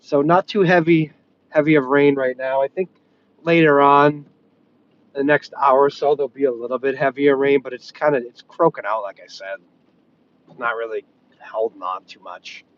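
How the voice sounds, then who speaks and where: A man chatting casually and wryly on a livestream as he drives, in an unhurried, folksy way. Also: medium pitch. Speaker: storm-chasing livestreamer. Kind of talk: casual live chat while driving. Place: inside a moving car. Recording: dull lo-fi audio inside a vehicle.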